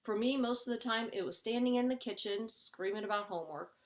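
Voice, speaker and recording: A woman's voice: fairly high pitch, a little fast. A middle-aged woman life coach teaching a webinar for parents. She is earnest and conversational, often checks in with "okay?", and acts out her own inner voice as she explains each step.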